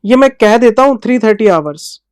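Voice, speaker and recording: Male teacher, slow and patient, fatherly toward students; smooth, dry delivery. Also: sits high, lively intonation, no echo. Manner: fatherly, calls students "son". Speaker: accounting teacher. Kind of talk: explaining course details to students.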